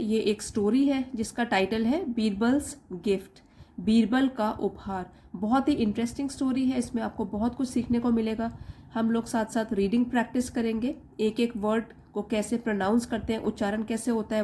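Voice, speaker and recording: A woman teaching an English reading lesson, reading English slowly word by word and explaining each part briskly. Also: fairly high pitch, fairly even intonation, mellow, a little hiss or hum.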